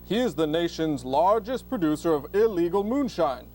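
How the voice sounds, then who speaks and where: A man's voice: fairly high pitch, big pitch swings, normal speed, mellow, a little hiss or hum. A man playing an earnest, official police detective with a formal, dramatic manner in a comedy audio drama. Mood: admiring, dramatic.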